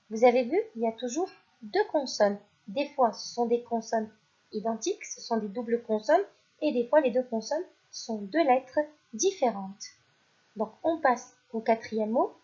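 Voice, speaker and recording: A woman teaching a primary school phonics lesson, who reads each word out loud twice and praises the children. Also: fairly high pitch, husky, lo-fi sound. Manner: slow and deliberate, repeats each word and stresses it louder; addresses pupils directly, praising them. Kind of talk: recorded French phonics lesson.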